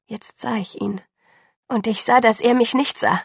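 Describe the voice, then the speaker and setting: A woman's voice: a little high, a little slow, vocal fry, husky, no echo, studio quality. A woman narrating a novel in the first person with intense, breathless storytelling. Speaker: audiobook narrator.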